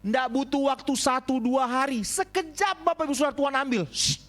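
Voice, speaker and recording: A man preaching a sermon as pastor, animated, swinging between high exclamations and low asides and calling on the congregation for amens. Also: brisk. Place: church.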